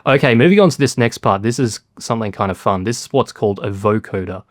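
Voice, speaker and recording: Male producer, low-ish voice, dry sound, casual and self-deprecating tutorial delivery. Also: fast talker, no echo. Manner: relaxed, lots of fillers, self-deprecating. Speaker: music producer.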